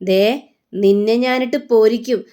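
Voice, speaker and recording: A woman voicing a stern, protective older mother figure who speaks in a slow, deliberate way. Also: fairly high pitch, fairly even intonation, warm tone, clean tone, natural voice. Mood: scolding. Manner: scolding, threatening, slow and deliberate.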